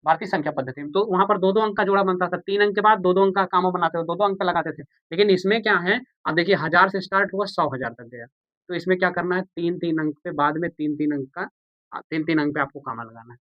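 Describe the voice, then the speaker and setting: A high-pitched man talks quickly through a maths lesson, patiently repeating steps, asking viewers questions and answering them himself, and calling them "beta" and "bhaiya". The recording is dry and muffled.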